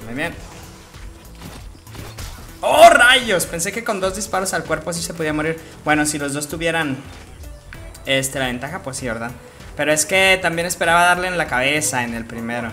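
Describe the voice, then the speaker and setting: A man with a Mexican Spanish accent giving live gameplay commentary as a streamer, jokey and profane, with sudden excited outbursts. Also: fairly high pitch, fairly quick, soft background music. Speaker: gaming streamer.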